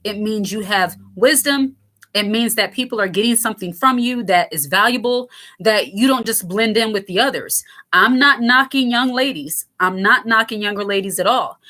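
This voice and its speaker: A woman in her thirties, with a raspy, lower voice and a sharp tone, hosts a casual commentary answering viewer comments. She's frank and lighthearted, filling her speech with fillers, restarts, and self-interruptions.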